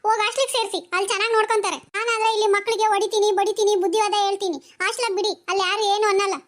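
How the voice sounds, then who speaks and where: Brief: hot-headed cartoon mom played by a woman, high, fast, defensive. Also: little pitch movement. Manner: sharp, defensive scolding. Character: hot-tempered scolding cartoon mother.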